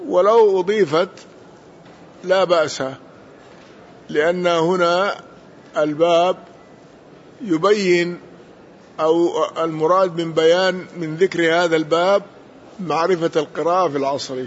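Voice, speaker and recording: Male sheikh, measured teacher's delivery, slightly high voice, muffled lo-fi recording. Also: steady tone. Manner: slow, deliberate, corrects the reader. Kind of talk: explaining a text to a student. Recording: dull lo-fi sound with faint noise.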